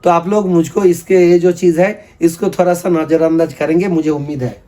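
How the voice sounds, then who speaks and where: Man, native Bengali speaker, high voice, patient teacher, repeats points often, lesson video. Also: steady tone, a little fast, dark tone. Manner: patient, repetitive explaining, asks viewers to repeat after him. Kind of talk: video lesson explaining script.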